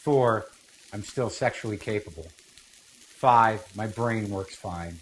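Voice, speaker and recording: A man's voice: fairly low pitch, takes it slowly, poor audio. A man hosting a casual cooking demonstration, talking bluntly with rambling, profane asides. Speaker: cooking show host. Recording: faint noise, sizzling pan.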